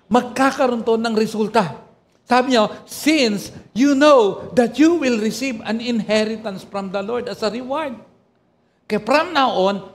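A man preaching a sermon to his church in a lively, humorous storytelling way, with loud bursts and quiet asides. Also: high voice. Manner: animated, swings between loud exclamations and soft asides; humorous storytelling, often breaks into short praise phrases. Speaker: pastor. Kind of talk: Taglish sermon with anecdotes.

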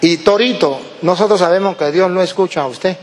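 High-voiced Venezuelan priest telling a story. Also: male voice, a little fast, in a large hall. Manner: animated, acts out quoted voices. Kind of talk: storytelling testimony.

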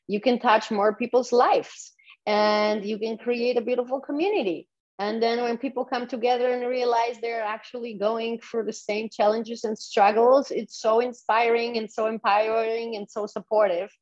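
A woman's voice: a little high, a little mellow. Dull-sounding woman coach. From Poland. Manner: enthusiastic, guiding listeners step by step. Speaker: guest, sexuality coach. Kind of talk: podcast interview. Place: home in Tulum. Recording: dull lo-fi audio.

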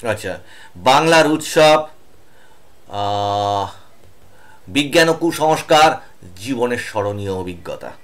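A man's voice: lowish voice, expressive, takes it slowly, pauses often, a bit bright. A man teaching an online exam-prep lesson, reading out lists of essay topics year by year and stopping to explain, with fillers between items.

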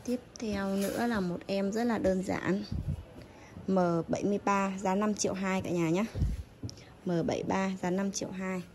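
A woman's voice: medium pitch, fairly even intonation, normal speed, darkish tone. A woman giving a casual, polite sales walkthrough as a seller, listing items and prices to customers while filming on a handheld phone. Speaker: bicycle seller. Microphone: phone held while filming. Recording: noisy handheld phone recording.

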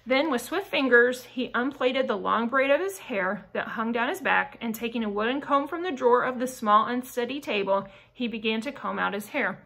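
A woman reading a novel aloud in a measured, careful way. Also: on the high side, animated, creaky, fairly bright tone, rough recording. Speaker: audiobook reader.

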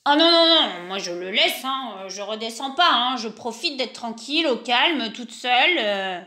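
A woman's voice: fairly high pitch, expressive, moderate pace, sharp tone, voice pushed down. A woman voicing a grumpy, lonely old witch who sighs and mutters to herself. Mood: grumbling. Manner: grumbling, sighing, muttering "non, non, non".

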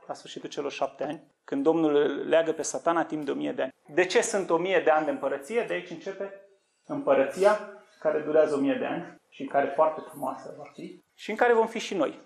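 Impassioned male preacher, urgent and fervent. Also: vocal fry. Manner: impassioned, urgent exhortation with rhetorical questions; swings between low earnest tones and high fervent outbursts. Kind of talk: sermon on end-times prophecy.

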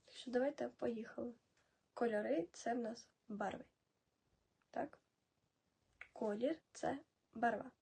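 A young woman running a casual language lesson, explaining words slowly and dropping into soft asides. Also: a little high, creaky, breathy edge. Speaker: channel admin teaching Czech.

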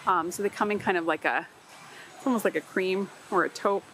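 A woman's voice: fairly low pitch, brisk, fairly bright tone, slight background noise, poor audio. A woman in a large warehouse store, chatting casually as she reads product labels aloud for a shopping vlog. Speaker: shopping vlogger.

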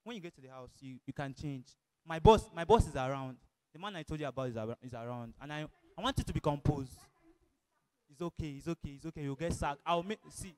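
Man as anxious friend, quick, slightly high, placating. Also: animated, darkish tone, in a large hall, close to an everyday voice. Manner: anxious, placating, repeats himself. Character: nervous young man calming his friend. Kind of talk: comedy skit acting.

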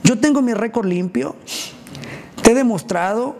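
A man's voice: high-pitched, lively intonation, normal speed, darkish tone. A Mexican man livestreaming casually, greeting viewers in crude slang and ranting combatively. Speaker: livestreamer and baker. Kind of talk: casual live stream chat greeting viewers.

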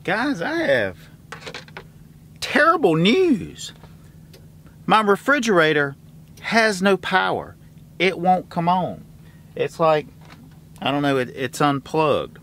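A man's voice: on the high side, very animated, slow pace, long pauses, fairly bright tone. A man, chatting folksily to the camera while he cooks in his truck cab and fuels up at a truck stop. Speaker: trucker vlogger. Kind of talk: casual cooking vlog. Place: truck sleeper cab, later outdoors at a fuel stop. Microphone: handheld camera close up. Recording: noisy truck and road ambience.

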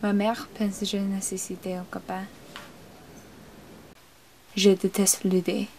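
A young woman, talking in a flat, detached, deadpan way, as in a mock art-film. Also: mid-range voice, gravelly, loud music behind the voice. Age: young adult. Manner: flat, detached, unhurried delivery. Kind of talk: deadpan art-film narration and phone scenes. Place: house kitchen, indoors.

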